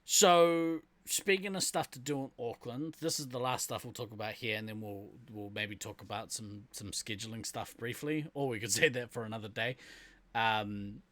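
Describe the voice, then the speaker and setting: A man's voice: mid-range voice, normal speed, a bit bright, dry recording. A man with a New Zealand accent co-hosting a podcast in casual, rambling chat, laughing often. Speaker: podcast co-host.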